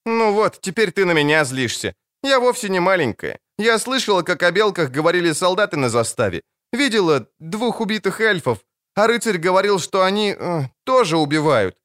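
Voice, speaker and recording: A man's voice: high-pitched, sing-song, normal speed, fairly bright tone, voice pushed up. Cheeky little girl, voiced by a man. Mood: curious. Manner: pert, sing-song teasing. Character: cheeky young girl, quick and teasing. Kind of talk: audiobook character voice.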